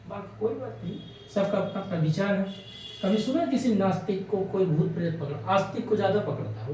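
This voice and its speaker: A man lectures an exam-prep class in a fairly high voice, chatty and repetitive, tossing out rhetorical questions. He sounds a step away from the mic, and his voice booms around a bare, echoing room. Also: warm tone, distant mic, slight background noise. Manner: conversational, repeats key words, asks rhetorical questions. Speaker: exam coaching teacher.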